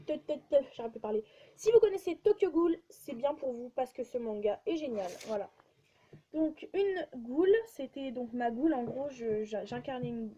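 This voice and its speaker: High, mellow girl rambling about her drawings. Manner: chatty, rambling, many fillers and restarts. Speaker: vlogger showing her drawings. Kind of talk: casual chat. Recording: dull lo-fi sound with faint noise.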